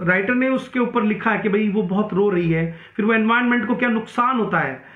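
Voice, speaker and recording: Speaking a little fast, a high-voiced male English literature teacher delivers an online exam-prep lecture in a blend of Hindi and English, with many fillers and restarts. The sound is thin, phone-like and echoey from the room.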